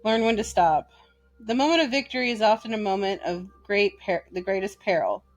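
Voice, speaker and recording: A woman's voice: mid-range voice, no echo. Wry woman co-host behind a mask. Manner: wry, playful, chimes in with jokes. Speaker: podcast co-host. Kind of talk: casual chat, reading aloud. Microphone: speaking through a mask.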